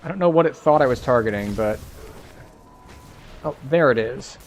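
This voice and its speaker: A man's voice: mid-range voice, lively intonation, normal speed, a little hiss or hum. A man giving casual gameplay commentary, often muttering to himself. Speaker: gamer playing and commenting.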